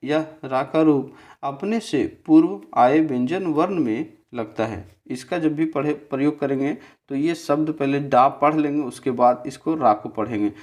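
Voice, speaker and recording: Man teaching grammar slowly, step by step. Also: fairly high pitch, darkish tone. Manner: slow, repetitive, checks in with "theek hai"; spells out syllables slowly. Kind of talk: explaining grammar over a slide.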